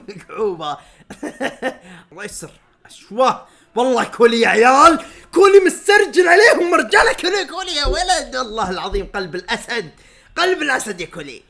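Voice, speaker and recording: Fast excitable Saudi man. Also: very high-pitched. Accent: Saudi Arabic. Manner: excitable, shouts at players and referee, frequent laughter. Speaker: football fan streamer. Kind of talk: live match reaction commentary.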